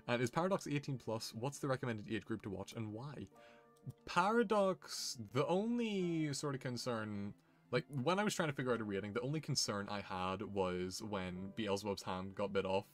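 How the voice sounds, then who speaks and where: A man's voice: medium pitch, normal speed, faint music behind. A man, the show's creator, hosting a casual question-and-answer chat in an upbeat way, laughing easily. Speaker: show creator and host.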